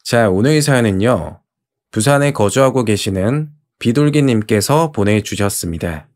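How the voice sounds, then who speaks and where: A man's voice: on the low side, expressive, moderate pace, a little mellow. A man hosting a horror story show, giving a scripted introduction to a tale. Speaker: host of a horror story channel.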